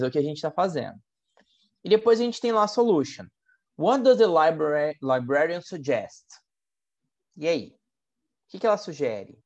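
A Brazilian Portuguese-accented man teaching English test strategies in a chatty, explanatory live online lesson. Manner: chatty, explanatory, frequent "né?" tags. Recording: muffled low-fidelity webinar audio.

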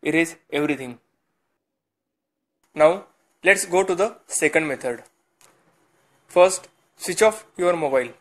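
A man's voice: fairly high pitch, a little slow, long pauses. Man giving phone tutorial steps. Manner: short step-by-step instructions. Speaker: tech channel host.

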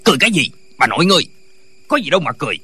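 A woman's voice: low voice, very animated, racing, breathy edge, no room sound, pitched below the performer's own voice, heavily acted. Woman doing a barking bully of an officer. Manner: barking, shouting orders. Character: arrogant bullying male military officer.

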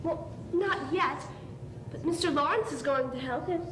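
A woman's voice: normal speed, lightly acted. Earnest young sweetheart, played by a woman for period stage drama, heard from far off with noise. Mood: defiant. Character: earnest, flustered, proud young woman in love. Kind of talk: amateur stage play acting. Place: theatre stage, indoors. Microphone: far camera. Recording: noisy, rumbling, echoey distant stage recording.

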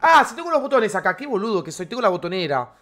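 A man's voice: high-pitched, big pitch swings, quick pace, sharp tone, a little hiss or hum. A man with an Argentine accent chatting energetically with viewers during a live game stream, full of slang. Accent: Argentine Spanish.

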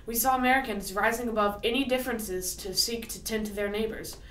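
A woman's voice: fairly high pitch, a little fast, a bit bright. A woman co-hosting school morning announcements over an intercom, reading earnestly with occasional stumbles. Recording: echoey and distant with faint noise.

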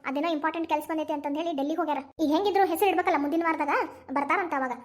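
A woman voicing a gentle young cartoon mother who softly explains things, with a North Karnataka Kannada accent. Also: high-pitched, fairly even intonation, rapid-fire, close to an everyday voice. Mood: explaining. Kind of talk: animated cartoon family drama dialogue.

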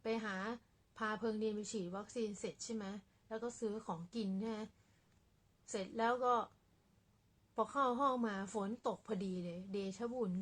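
A woman who vlogs about her cats chats casually to camera in a small indoor apartment room. Her voice is husky and a little high, and she keeps it soft and quiet so as not to disturb the neighbours. She's relaxed and rambling, with many fillers.

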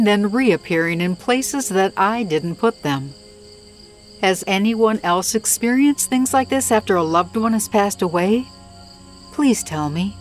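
A woman narrating scripted first-person scary stories in a measured, expressive way. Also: medium pitch. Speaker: horror story narrator.

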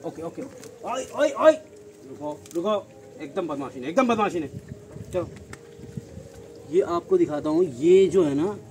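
A man in his thirties with a Kolkata Hindi accent walks viewers through his goat farm in a chatty, friendly vlog. His voice sits fairly high yet sounds mellow and soft-edged. Faint outdoor noise and birdsong stay behind him on a phone recording. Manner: chatty, addresses viewers as brother, frequent tag questions. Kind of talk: casual farm tour vlog. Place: outdoor farmyard with goats.

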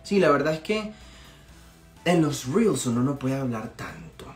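A man's voice: fairly high pitch, animated, faint music behind. Venezuelan man teaching a chatty live lesson. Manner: chatty and encouraging, often checks in with "ok?"; repeats phrases slowly for practice. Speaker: English teacher. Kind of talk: live-streamed language lesson.

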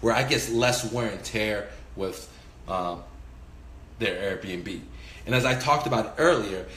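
A man's voice: lowish voice, takes it slowly, fairly bright tone, roomy sound, slight background noise. A man in his forties, a real estate investor, giving a casual, profane, emphatic talk to the camera while gesturing with his hands. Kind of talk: casual instructional vlog. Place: indoors, small room by a window.

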